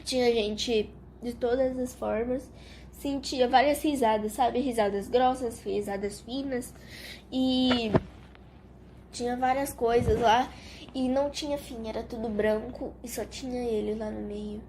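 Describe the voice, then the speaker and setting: A young woman giving an emotional personal testimony to her mother, halting and repeating words, her voice dropping away at the ends of phrases. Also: fairly high pitch, steady tone, background noise.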